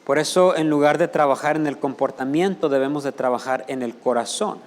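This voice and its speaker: A man's voice: on the high side, a little fast. A male pastor preaching a Spanish sermon, firing rhetorical questions at the congregation and mimicking people's voices. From United States. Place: church sanctuary. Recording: long hall reverb.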